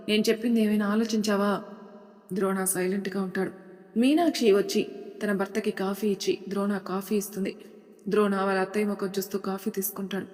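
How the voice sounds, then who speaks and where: Woman storyteller with hall reverb. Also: medium pitch. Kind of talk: scripted story narration.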